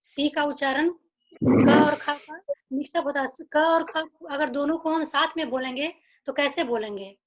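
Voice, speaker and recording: Female teacher, high voice, unhurried; drills letter sounds one by one over a dull video-call line. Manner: slow, repeating each sound deliberately. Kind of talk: online phonics lesson.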